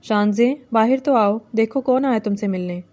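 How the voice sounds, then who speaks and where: Woman reading a weary older mother, affectionate, fairly high mellow voice. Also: lightly acted. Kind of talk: novel reading.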